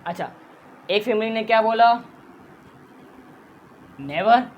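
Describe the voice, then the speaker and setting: A man's voice: high voice, slow pace, highs cut off, slight background noise. A man teaching a math lesson, patiently explaining steps, counting aloud and mixing in English terms. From Pakistan.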